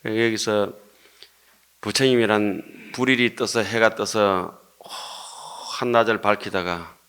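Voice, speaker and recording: An older Buddhist monk with a Gyeongsang Korean accent delivers an earnest dharma lecture, asking rhetorical questions and joking with his audience. His fairly low voice is smooth and fairly bright, with a steady tone and slow pace.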